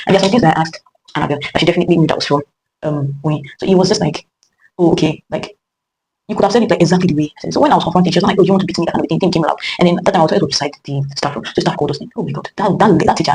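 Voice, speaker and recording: A woman's voice: sits low, slight background noise, low-quality recording. A young woman with a Nigerian accent, rambling chattily through a casual storytime monologue with many fillers and restarts. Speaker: vlogger.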